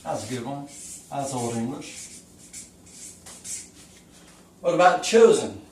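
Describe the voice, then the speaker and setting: A teacher with an animated, slightly mellow mid-range voice gives a slow, chatty, folksy whiteboard lesson, asking the viewer questions along the way. The camera is taped to the wall, and its mic picks him up from across the room, adding a roomy echo.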